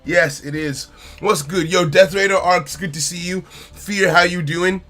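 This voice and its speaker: Man, game streamer, laid-back chat, bright forceful tone, soft music behind. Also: high-pitched, fairly even intonation, measured pace. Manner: laid-back, greets chat by name, repeats phrases. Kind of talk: casual live-stream chat.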